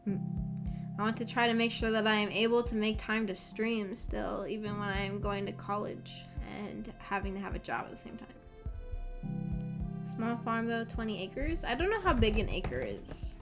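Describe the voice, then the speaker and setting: A young adult streamer with a medium-pitched voice talks at a normal speed to her live chat, casual, hesitant, rambling and self-effacing, with background music playing under her voice.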